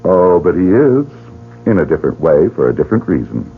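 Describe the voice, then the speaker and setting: In a 1940s radio drama, a man plays a suave, sinister club director, teasing and theatrical, with a low, sing-song voice that runs a little fast. The recording sounds like a phone-like old radio broadcast, with slight background noise.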